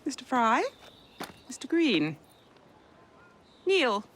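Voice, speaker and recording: High-voiced, imperious British Queen Victoria. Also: sing-song, a bit bright, a little hiss or hum, heavily acted. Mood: regal, gracious. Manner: formal, imperious, measured. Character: regal Queen Victoria, formal, commanding, dryly gracious. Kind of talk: video game cutscene acting.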